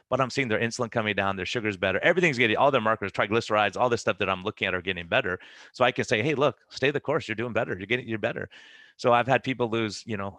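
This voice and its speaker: A middle-aged doctor talks quickly on a podcast, with a bright, forceful tone over a fairly low voice. He tells stories with energy and acts out his patients' lines as he goes. The sound is close and dry. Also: no echo. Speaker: physician guest. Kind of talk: podcast conversation.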